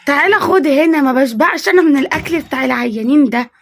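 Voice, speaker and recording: A young woman with an Egyptian accent plays a demanding wife in a comedy sketch. Her voice is high and her delivery is quick. She pleads and whines without letting up. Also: expressive. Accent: Egyptian Arabic.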